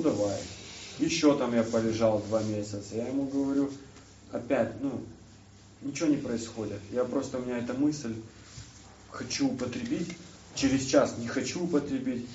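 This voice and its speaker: A man's voice: medium pitch, dark tone, a little hiss or hum. Man telling his story in an echoey hall. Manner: halting, searching for words, many restarts. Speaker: recovery speaker sharing his story. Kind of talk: personal testimony to a group. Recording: distant roomy hall mic, dull.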